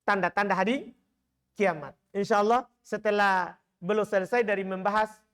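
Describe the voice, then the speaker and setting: A male Islamic teacher giving a study lecture in a mosque. He talks in a lively, teasing way, often throwing rhetorical questions at the audience and then answering them himself. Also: high voice, moderate pace, smooth. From Indonesia.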